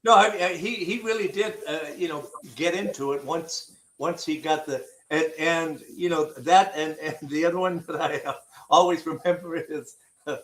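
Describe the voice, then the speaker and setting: A man co-hosting a radio show, chatting in a halting, easygoing way. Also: a little high, fairly even intonation, fairly bright tone, rough recording. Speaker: radio co-host. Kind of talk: casual radio banter.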